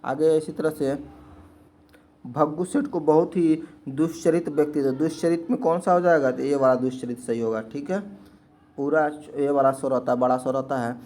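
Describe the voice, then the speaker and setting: Male teacher, slightly higher voice, repetitive Q&A explainer for exam prep. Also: fairly even intonation, normal speed, warm tone. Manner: repetitive question-and-answer explaining.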